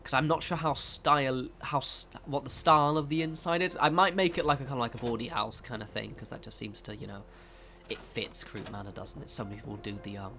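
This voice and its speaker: This game creator's tutorial is brisk and steady in tone, his mid-range voice showing vocal fry and a cold's nasal stuffiness. He rambles conversationally and corrects himself repeatedly.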